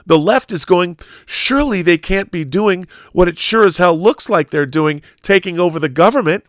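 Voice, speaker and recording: An American man hosting a live show reads viewer questions aloud and riffs on them conversationally, with halting repeats and emphatic stresses. His voice is on the high side and a bit bright, captured in clean studio sound without echo.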